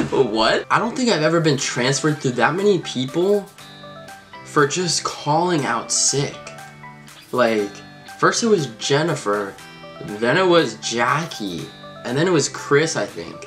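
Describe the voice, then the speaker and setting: A man's voice: medium pitch, sing-song, takes it slowly, long pauses, fairly bright tone, faint music behind. Casual young man, slangy delivery. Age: young adult. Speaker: prank caller and video host. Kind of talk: casual, slangy chat and prank phone calls. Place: small room indoors, plain wall.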